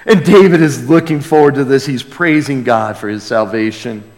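Teaching from the Bible in a conversational, call-and-response sermon, this pastor speaks earnestly and exclaims often, repeating phrases to stress them. His mid-range voice has a darkish tone and moderate pace, echoing with long reverb from a large hall.

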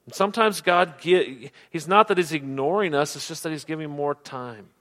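A man preaching a sermon, earnest, often dropping to soft, low tones for emphasis. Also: moderate pace. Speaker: pastor.

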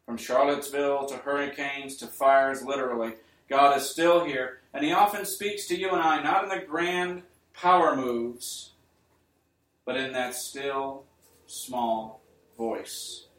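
A male preacher giving an earnest sermon to his congregation, building up to emphatic points and then easing into quiet appeals. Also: mid-range voice, unhurried. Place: church. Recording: roomy church sound, mic at a distance.

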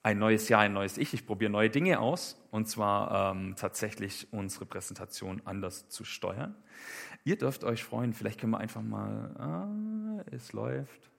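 A man's voice: fairly low pitch, expressive, a little slow, vocal fry, a bit bright. Casual male preacher with many fillers. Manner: conversational, with many fillers and rhetorical questions. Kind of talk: casual sermon.

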